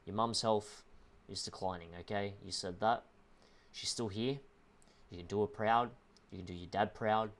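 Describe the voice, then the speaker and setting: Young male streamer with a low voice, heartfelt and emotional, speaking haltingly to a viewer. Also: steady tone. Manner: earnest, halting, repeats "bro" and "man". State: emotional, close to tears. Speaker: livestreamer.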